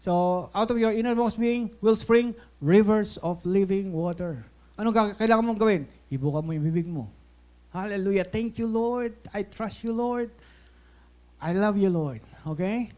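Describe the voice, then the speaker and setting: A man's voice: high voice, unhurried. A Filipino man preaching a sermon as pastor, mixing English into his talk, often checking in with "Okay?" and acting out little scenes. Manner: switches between Tagalog and English, asks "Okay?" often; lively, acts out voices in stories.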